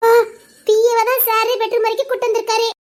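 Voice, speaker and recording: Woman playing a young wife, squeaky high voice, scolding and fretting. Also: little pitch movement, quick pace. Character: young wife and assistant, anxious but firm.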